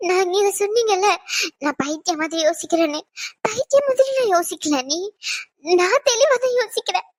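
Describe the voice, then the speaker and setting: A woman's voice: very high voice, fairly quick. A woman voicing a heartbroken young wife in a cartoon, crying as she pleads and confides. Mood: hurt. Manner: sobbing, pleading confession. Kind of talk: cartoon voice acting.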